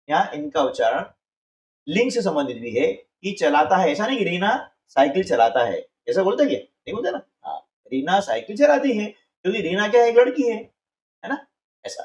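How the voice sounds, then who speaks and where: A man teaching a grade-school language lesson, speaking slowly and patiently, repeating words and checking in with his pupils. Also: fairly high pitch. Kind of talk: Hindi workbook lesson for schoolchildren. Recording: echoey, dull sound from a distant mic.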